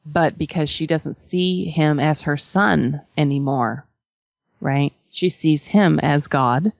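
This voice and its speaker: A woman with a low-pitched voice and a noticeable creak speaks as a spiritual teacher. She is conversational yet emphatic, stopping for pauses and adding little check-in questions, in a close, dry sound. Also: no echo. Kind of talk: spiritual talk to followers, conversational.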